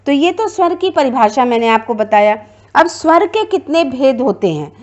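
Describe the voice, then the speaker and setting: A woman's voice: high-pitched, sing-song, moderate pace, darkish tone, lo-fi sound. A woman teacher giving a classroom grammar lecture, explaining step by step and repeating her points.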